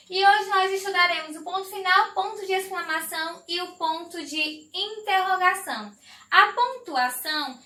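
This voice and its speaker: A woman's voice: very high voice, pushed and bright, roomy sound. A woman teacher giving an online grammar lesson, affectionate and explaining step by step with many repetitions.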